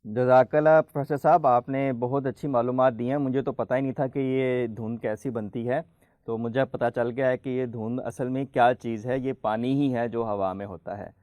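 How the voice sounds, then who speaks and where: A male host of a children's show talks at a middling pitch in a patient, teacherly way. He draws the letters out slowly and asks the kids questions one by one. The sound is close and dry, with no room behind him. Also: fairly even intonation, dry recording, lo-fi sound. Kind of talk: friendly studio hosting for children.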